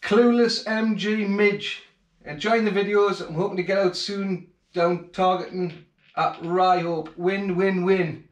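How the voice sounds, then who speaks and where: A man's voice: high voice, fairly even intonation, unhurried. Chatty man vlogging in a roomy house. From England. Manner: chatty and grateful, plain-spoken. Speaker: fishing channel host. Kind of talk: casual vlog talk to camera. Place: home kitchen, then living room, indoors. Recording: roomy home acoustics.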